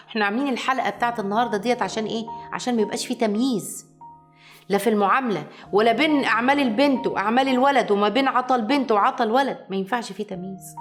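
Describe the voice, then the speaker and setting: A woman with an Egyptian accent giving a lively advice lecture to viewers, acting out quoted people as she talks. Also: mid-range voice. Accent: Egyptian Arabic. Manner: animated, acts out quoted voices. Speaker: family advice speaker.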